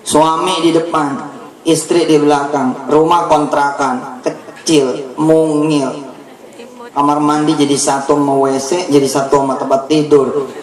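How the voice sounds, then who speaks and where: Animated preacher man in an echoey hall. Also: fairly high pitch, a little slow, a crowd in the background. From Indonesia. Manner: animated and joking, acting out quoted voices. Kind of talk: lively sermon with storytelling. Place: large hall with a live audience. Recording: echoey hall, audience laughter.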